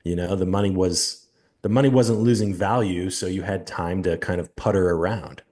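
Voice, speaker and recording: A man's voice: low voice, fairly even intonation, normal speed, a little mellow. A man in his forties, co-hosting a podcast in casual chat, easygoing, with many fillers and frequent laughs. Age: 40s. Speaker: podcast co-host.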